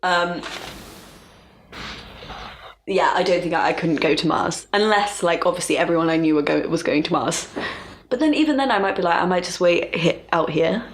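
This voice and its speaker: A woman's voice: on the low side, expressive, moderate pace, long pauses. A young woman co-hosting a casual chat, talking in a musing, hesitant way. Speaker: podcast co-host.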